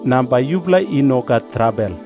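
A man's voice: mid-range voice, lively intonation, moderate pace, darkish tone, close to an everyday voice. An actor playing a scheming male chief priest in a scripture drama, in Papua New Guinea pidgin with a Papua New Guinean accent. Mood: instructing, scheming. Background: music behind the voice.

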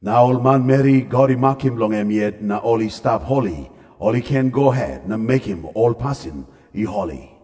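Man playing mellow, reverberant angel, Papua New Guinean accent. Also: medium pitch, expressive, moderate pace, lightly acted. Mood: solemn. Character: solemn male angel, humble messenger of God. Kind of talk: dramatized scripture reading. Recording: long hall reverb. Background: faint music.

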